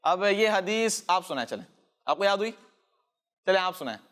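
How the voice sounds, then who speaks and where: A man with a fairly high voice hosts a children's program, teaching a short lesson. He speaks patiently and repeats each phrase so that the children can echo it back. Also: sing-song, a bit bright. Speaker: children's show host.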